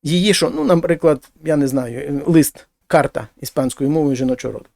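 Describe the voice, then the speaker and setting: Male language teacher, slightly high voice, patient explanations, dry close recording. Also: creaky, no echo. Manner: explains slowly, speaks example phrases louder and higher. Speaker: Spanish teacher. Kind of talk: language lesson.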